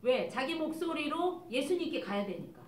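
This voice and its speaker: Woman missionary preacher, fairly high voice, emphatic, rhetorical questions, echoey sanctuary, far mic. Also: big pitch swings, normal speed. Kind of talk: sermon. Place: church sanctuary. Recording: echoey church hall, distant mic.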